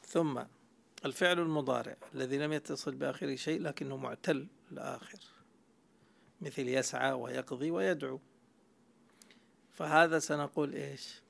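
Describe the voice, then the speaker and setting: Gravelly male grammar teacher lecturing. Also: mid-range voice, moderate pace, long pauses, a bit bright. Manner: explains step by step, quizzing students. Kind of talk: classroom lecture.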